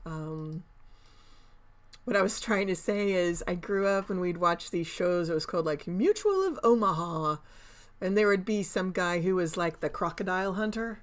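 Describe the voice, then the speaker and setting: Low-pitched woman, middle-aged, chatty livestream trade commentary, excitable and cussing. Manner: chatty, excitable, swears, laughs at her own trades. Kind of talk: casual live commentary on trades.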